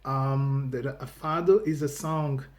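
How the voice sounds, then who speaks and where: Speaking slowly at medium pitch with fairly even intonation, a Brazilian YouTube reaction host chats casually with viewers. Portuguese is his first language, and his English carries a Brazilian accent. He frequently restarts phrases and leans on "you know" as filler.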